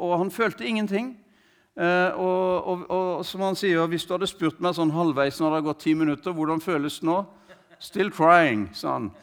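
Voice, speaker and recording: A man preaching, telling a story in a conversational, hesitant way with many fillers and restarts, and quoting the man he speaks of. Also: fairly high pitch. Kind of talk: sermon storytelling.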